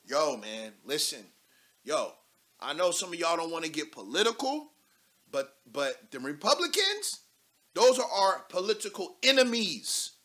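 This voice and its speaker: A man in his thirties hosting a live political call-in show from a studio desk, talking loud and animated with casual slang and cursing. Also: on the high side, measured pace. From United States. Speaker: talk show host.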